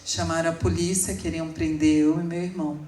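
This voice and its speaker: Woman preacher, forties, low register, emotional testimony with emphatic peaks; recorded from afar in a reverberant church. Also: flat delivery, dark tone. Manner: slow, emotional storytelling with sudden emphatic rises. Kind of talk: sermon testimony. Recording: echoey room, speaker far from mic.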